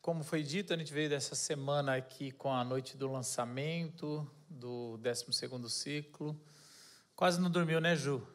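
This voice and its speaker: A man's voice: medium pitch, moderate pace. A man preaching a casual sermon, joking and correcting himself as he goes. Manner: chatty, jokey, self-correcting. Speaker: pastor.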